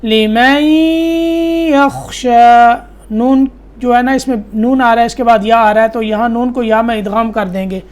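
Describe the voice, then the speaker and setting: A man teaching a tajweed lesson. He recites verses in a slow, drawn-out chant and explains the rules in brisk asides. He corrects his students directly and repeats the right reading. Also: very high voice.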